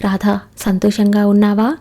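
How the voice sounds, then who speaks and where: A playful young male doctor in a storybook, read aloud by a woman. His teasing comes through in a mellow voice with little rise and fall. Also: mid-range voice, completely flat delivery, moderate pace, lightly acted. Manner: playful, apologetic. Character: Krishna, young doctor husband, warm and playful.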